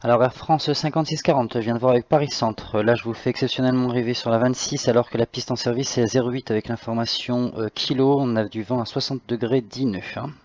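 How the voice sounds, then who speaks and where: A man working as a tower air traffic controller, giving clearances in radio phraseology. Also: mid-range voice, fairly even intonation, fast talker, few pauses, darkish tone. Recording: slightly dull, band-limited voice channel.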